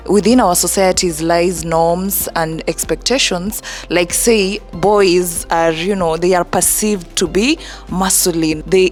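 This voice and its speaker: Young Kenyan woman, youth advocate, earnest and measured, lowish voice. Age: young adult. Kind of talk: group discussion.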